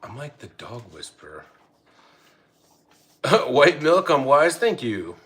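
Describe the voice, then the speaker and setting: A man's voice: mid-range voice, big pitch swings, slow, a bit bright. A middle-aged man chatting casually on a home livestream, reading chat aloud and laughing easily. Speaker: livestream host. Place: home, feeding dogs.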